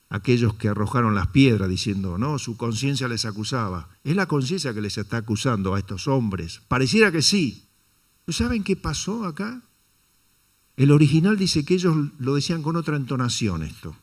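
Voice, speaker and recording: A man preaching a Sunday sermon, asking the congregation rhetorical questions and calling them brother. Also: mid-range voice. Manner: dramatizes quotes with shifting intonation. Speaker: pastor.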